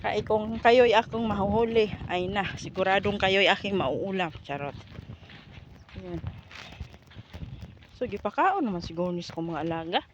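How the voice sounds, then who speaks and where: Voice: medium pitch, normal speed, pauses often. A vlogger walking around a farm with animals, chatting casually, teasing and joking and calling out to the animals. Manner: playful, teasing, jokes and then takes it back, calls out to animals. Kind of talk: casual vlog narration while walking around. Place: outdoor farm with camels, goats and birds. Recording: windy, dull outdoor phone audio.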